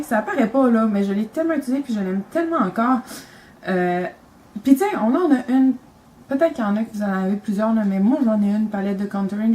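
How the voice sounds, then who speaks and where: A woman's voice: on the high side, mellow, a little hiss or hum, low-quality recording. A young woman with a Quebec French accent, talking casually and enthusiastically about her makeup, rambling with lots of fillers. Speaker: beauty vlogger.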